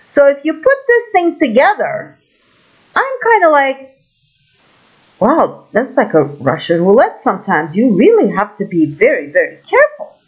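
Woman from Turkey, a bit high-voiced, casual monologue with exclaimed asides, dull recording. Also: normal speed. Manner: animated storytelling, exclaims in quoted asides.

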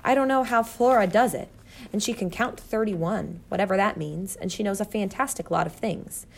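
A woman's voice: mid-range voice, normal speed, gravelly. A woman voicing a friendly young male pet mouse who talks with easy wonder, in a storybook reading.

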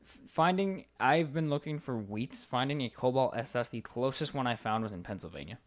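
Young american man, casual podcast chat, animated storytelling, swears a lot. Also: medium pitch, a little fast. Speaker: podcast co-host.

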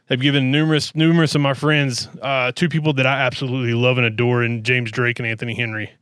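A man's voice: medium pitch, fairly bright tone, smooth, dry recording, clean studio sound. A man hosting a wrestling talk show in a casual, rambling way, worn out and out of breath. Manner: rambling, with many restarts and fillers. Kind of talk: casual chat.

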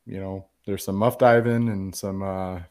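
A man's voice: sits low, steady tone, unhurried, a little mellow, clear, resonant tone. A man hosting a casual movie podcast, retelling the plot in a loose, profane, rambling way and quoting the characters. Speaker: podcast host.

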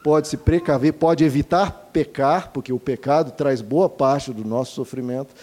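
A man's voice: mid-range voice, normal speed, darkish tone. A man with a Brazilian Portuguese accent preaching a sermon, earnestly asking the congregation questions and stacking repeated phrases. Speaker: pastor.

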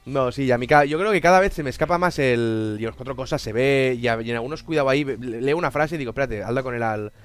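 A native Catalan speaker with a Catalan accent hosts a casual chat on his channel, his mid-range voice quick and joking, with casual swearing and a mix of languages. The sound is dry, with faint music in the background.

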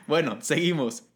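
A young man with a Mexican Spanish accent co-hosting a casual chat, reading listener comments in an upbeat way and laughing often. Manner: upbeat, laughs often, jumps pitch when excited.

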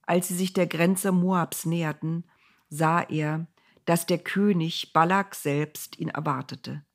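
A woman narrating a Bible story for listeners, expressive and slowing for dramatic moments. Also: on the low side.

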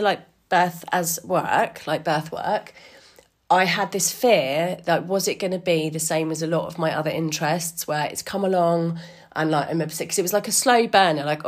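A woman with a somewhat low, gravelly-edged voice and a slight wheeze talks off the cuff. She muses like a solo podcast host, chatty, informal and enthusiastic. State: a bit wheezy today. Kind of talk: casual solo musing.

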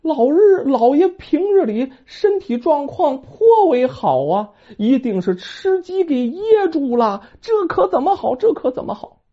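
A woman voicing a fretful middle-aged landlord's wife who frets in a high anxious voice, in a dull lo-fi recording. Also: big pitch swings, a little slow. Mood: frantic.

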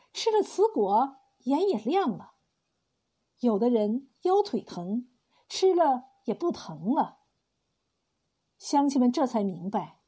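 A woman narrating a folk tale in a slow, even storytelling manner. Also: high voice, breathy edge.

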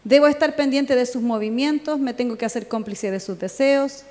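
A Chilean woman pastor delivers her sermon in a somewhat high voice, animated and full of quoted dialogue. The sound carries a long reverb from a church hall. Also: moderate pace. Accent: Chilean Spanish. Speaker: pastor and worship leader.

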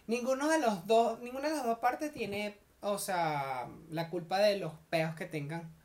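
A woman with a Venezuelan accent chatting casually, animated and often laughing as she acts out little scenes. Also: medium pitch, measured pace. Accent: Venezuelan Spanish. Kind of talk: casual chat.

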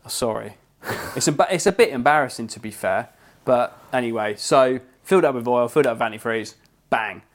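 A young man with an English accent tells a long story in a loose, conversational way. He slips into quoting the other people in it and swears freely. His delivery is animated, with a medium pitch for a man. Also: a little fast. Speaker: podcast co-host. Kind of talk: casual storytelling chat.

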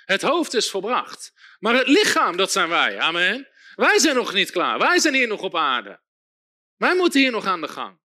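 Man, sermon, bright ringing voice, lively swinging pitch. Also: normal speed. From Netherlands. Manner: emphatic, repetitive, calls for amens. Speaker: preacher.

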